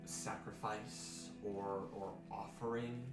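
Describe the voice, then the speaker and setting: A man acting as game master, improvising descriptive narration in a halting way with pauses mid-sentence. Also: on the low side, level tone. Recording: roomy echo with music behind.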